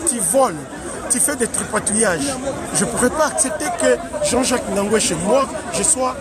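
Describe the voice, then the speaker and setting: A man's voice: very high voice, normal speed. A Congolese man, a community political leader, answering a street interview at a protest march and stressing his points with repeated lists. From Congo (DRC). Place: outdoor street march in Paris. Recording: noisy crowded outdoor street recording. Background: loud chanting crowd and street noise.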